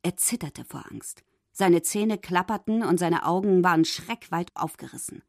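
A woman narrating a children's storybook in an expressive, dramatic reading. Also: on the low side, moderate pace, vocal fry, dry recording, studio quality.

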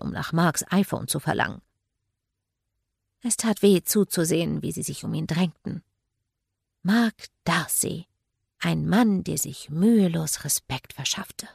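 A woman reading a first-person audiobook in a lively, expressive storytelling manner. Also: lowish voice, vocal fry, husky, dry recording, clean studio sound. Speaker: audiobook narrator.

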